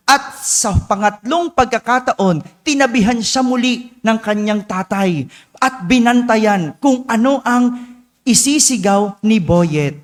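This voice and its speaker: A male priest preaching a homily, telling a story and tagging his lines with "no?". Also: high-pitched. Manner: tells a story with frequent "no?" tag questions. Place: church. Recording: long church reverb.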